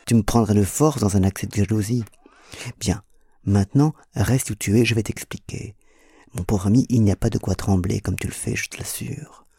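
Defiant young woman in a storybook reading, performed by a man, teasing, gravelly and husky. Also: lowish voice, moderate pace, mellow, no room sound, clean studio sound. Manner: mocking, defiant. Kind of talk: audiobook reading.

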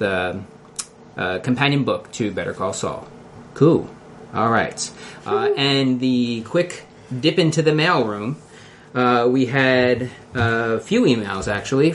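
Philly accent guy hosting a laid-back podcast, kinda halting, noisy room. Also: mid-range voice. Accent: Philadelphia. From Philadelphia area, United States. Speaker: podcast host.

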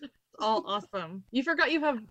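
A woman's voice: fairly high pitch, animated, brisk, fairly bright tone, a little hiss or hum. A woman hosting a casual podcast chat in an enthusiastic, encouraging way. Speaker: podcast host.

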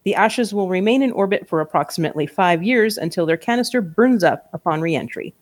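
A female podcast co-host reads out history facts in turn. She tosses in dry, wry remarks between items. Her pitch rises and falls widely as she reads. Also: lively intonation, fairly quick. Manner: wry quips after facts. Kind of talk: reading trivia on a podcast.

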